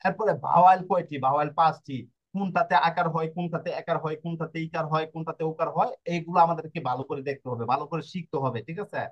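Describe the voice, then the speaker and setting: A man teaching a language class, repeating sounds slowly syllable by syllable as he explains pronunciation. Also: a little high, fairly even intonation. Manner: repetitive, drills sounds syllable by syllable. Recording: dull lo-fi recording.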